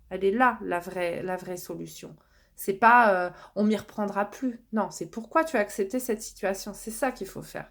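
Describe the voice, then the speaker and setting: A woman from France giving casual, reassuring tarot guidance to viewers, with lots of fillers and restarts. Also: medium pitch. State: losing her voice. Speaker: tarot card reader. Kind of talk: casual card-reading guidance.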